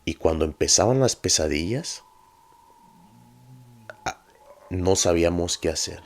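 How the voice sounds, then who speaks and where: A man narrating a paranormal story in a measured, earnest, confiding way. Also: low voice, lively intonation.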